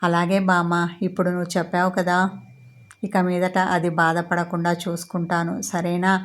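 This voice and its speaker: A woman's voice: lowish voice, completely flat delivery, normal speed, lightly acted. A woman voicing a young man who is blunt and firm with his young wife in a storybook romance. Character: young man, teasing, stern with his bride.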